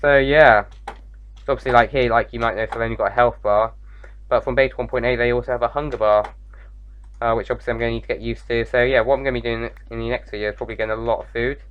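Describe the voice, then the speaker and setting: A man's voice: mid-range voice, fairly even intonation, fast talker, clean tone, dull audio. A man giving casual gameplay commentary, rambling with many fillers and self-mocking jokes, his voice wearing out late at night. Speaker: gaming YouTuber.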